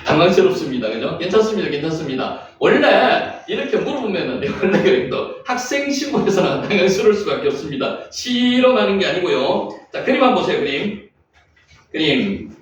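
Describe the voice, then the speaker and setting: A man with a very high voice leads a Bible class, drilling his students and repeating each point. He is recorded from a distance in a very echoey room, and the sound is dull and lo-fi with faint noise. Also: sing-song, brisk. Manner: repetitive, drilling students with questions. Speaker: Bible teacher. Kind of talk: classroom lecture.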